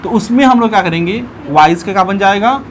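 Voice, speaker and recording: A man teaching an English grammar lesson, explaining step by step and repeating words slowly, syllable by syllable. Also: high-pitched, slight background noise.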